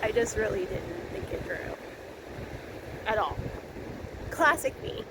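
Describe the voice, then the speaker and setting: A woman's voice: medium pitch, slow. A woman vlogging outdoors on a beach, chatting casually and laughing often. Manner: excitable, laughs often, shrieks at cold water. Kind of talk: casual vlog chat. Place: outdoors on a windy winter beach. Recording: loud wind noise outdoors.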